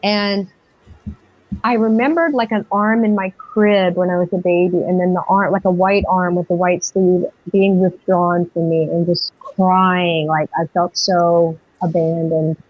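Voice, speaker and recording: A woman's voice: fairly low pitch, steady tone, unhurried, no room sound. Rambling middle-aged woman, dull dry audio. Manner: rambling, breathless storytelling with many fillers and acted-out quotes. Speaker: guest experiencer. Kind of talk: personal storytelling interview.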